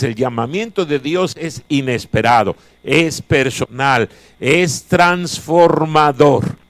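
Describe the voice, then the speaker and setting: A man's voice: mid-range voice, no echo. A male pastor preaching a chapel sermon, emphatic and repeating his key phrases. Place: chapel of a Bible college.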